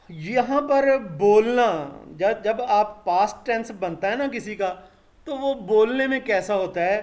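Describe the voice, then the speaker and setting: High-voiced male teacher, patient and repetitive. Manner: addresses students as beta, explains patiently, repeats sounds slowly. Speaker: English teacher. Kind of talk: live online lecture.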